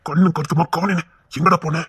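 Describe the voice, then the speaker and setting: A woman acting out a family serial, moving between brotherly scolding and tender coaxing in a husky voice. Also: low voice, fairly even intonation, a little fast. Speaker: storyteller voicing a whole family.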